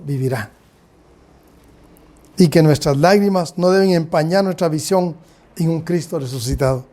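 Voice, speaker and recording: A Guatemalan man preaches a sermon in a fairly high voice. His tone is mellow and soft-edged. He keeps turning to address his congregation as brothers and sisters. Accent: Guatemalan Spanish. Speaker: pastor.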